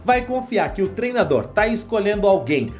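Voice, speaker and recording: A woman's voice: medium pitch, big pitch swings, normal speed, darkish tone, faint music behind. A woman giving scripted football commentary, talking straight to the viewer in a conversational way. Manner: conversational, addresses viewer directly. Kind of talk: scripted sports commentary voice-over.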